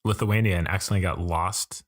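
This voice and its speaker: A man's voice: sits low, steady tone, quick pace. A man hosting a casual gaming podcast, easygoing and self-mocking, laying out show plans between jokes. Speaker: podcast host. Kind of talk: casual chat.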